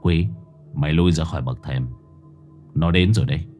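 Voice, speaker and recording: Guy doing a tough young exorcist, low firm voice, faint music. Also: sing-song, brisk. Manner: blunt, firm. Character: tough young male exorcist, blunt and defiant.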